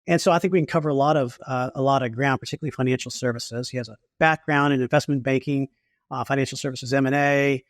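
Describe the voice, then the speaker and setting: A man's voice: mid-range voice, steady tone, fast, no echo, clean studio sound. A man hosting a podcast, introducing his guest and asking curious, friendly questions. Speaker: podcast host. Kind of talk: podcast interview.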